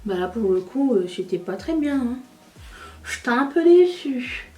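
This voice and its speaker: A woman's voice: on the high side, big pitch swings, a little slow, darkish tone, far from the mic. Québécoise woman, makeup vlog chatter, wry asides, faint music bed. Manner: chatty, self-mocking, rambling asides. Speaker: beauty youtuber. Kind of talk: casual get-ready-with-me chat.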